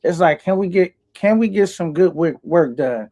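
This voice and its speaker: Man, high voice with gravelly fry, livestream headset audio, laid-back rambling co-host. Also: expressive, moderate pace, dark tone, dull audio. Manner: laid-back, rambling, reads chat aloud. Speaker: livestream co-host reading chat. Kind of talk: casual livestream talk.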